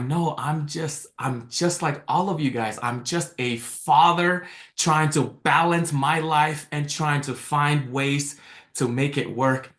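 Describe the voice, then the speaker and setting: A guest in a casual interview, this excited man from American Samoa speaks Tongan as his first language and has a mid-range voice. He keeps restarting and repeating words, heard over a video call from an echoey room.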